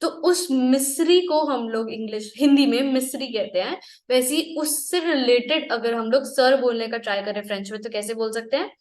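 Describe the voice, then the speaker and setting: A young Indian woman teaching French in a relaxed online lesson that mixes Hindi and English, with drawn-out explanations, tag questions and frequent laughs. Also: on the high side, echoey room.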